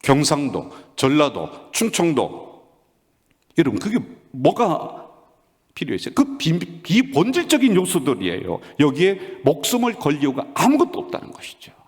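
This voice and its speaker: A male senior pastor preaching a sermon in an animated, rhetorical way, often calling out to the congregation directly. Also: a little high, moderate pace. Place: church sanctuary. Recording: long reverb of a church sanctuary.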